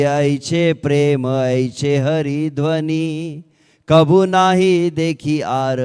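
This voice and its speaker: A man giving a devotional discourse who asks rhetorical questions and slows into sung chanting of verses. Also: fairly high pitch, a little mellow, clean tone, big-room sound. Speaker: ISKCON speaker.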